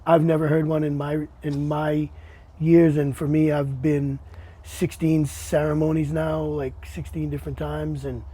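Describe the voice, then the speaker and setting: A man hosting a podcast interview, chatting in a relaxed way, often repeating words and calling his guest "man". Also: a little high, measured pace, slightly rough. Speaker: podcast host. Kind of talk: casual interview chat.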